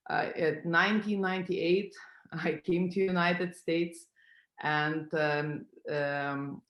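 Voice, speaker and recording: A middle-aged woman from Lithuania, giving an unhurried online conference talk as a guest speaker, pausing often with fillers. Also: deep voice, a bit bright. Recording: roomy echo.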